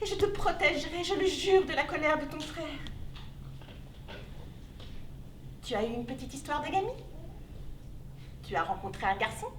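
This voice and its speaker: An amateur actress playing a pleading, panicky older sister in a stage play, heard from a distant camera. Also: female voice, expressive, brisk, a little hiss or hum. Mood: coaxing. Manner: pleading, then shrill and panicky. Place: theater stage. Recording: echoey hall, distant camera.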